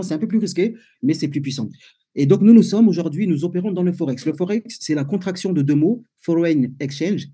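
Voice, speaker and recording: A man's voice: on the high side, dark tone, breathy edge. A man from Martinique giving a chatty business presentation over a video call, with many fillers and repeated words. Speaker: network marketing presenter.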